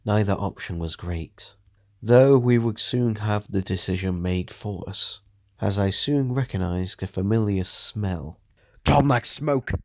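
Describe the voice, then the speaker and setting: Deep, gravelly male story narrator. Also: unhurried, darkish tone, no room sound, clean studio sound. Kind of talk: first-person audio drama narration.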